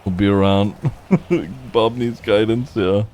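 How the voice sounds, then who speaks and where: A man's voice: on the low side, unhurried, a little mellow, slight background noise. A male streamer roleplaying in a game and chatting with viewers, incredulous and laughing at his friend. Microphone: streaming mic.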